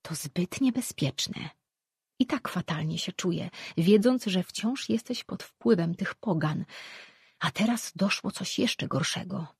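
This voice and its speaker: A woman's voice: lowish voice, lively intonation, a little slow, husky, no room sound, clean studio sound, full character voice. A narrator voicing an anxious older mother who insistently scolds her grown daughter, in an audiobook. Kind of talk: audiobook character reading.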